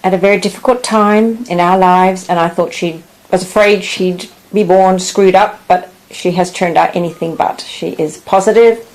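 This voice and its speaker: A woman's voice: lowish voice, steady tone, moderate pace, few pauses, a little mellow, low-quality recording. A middle-aged woman, mother of the bride, giving a heartfelt tribute for a wedding video.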